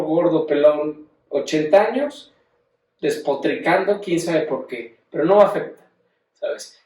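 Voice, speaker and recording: A man's voice: high voice, darkish tone. Man, Mexican accent, conversational class lecture, mic at a distance, roomy echo. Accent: Mexican Spanish. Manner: conversational, explaining with tag questions. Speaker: teacher. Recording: echoey room, mic at a distance.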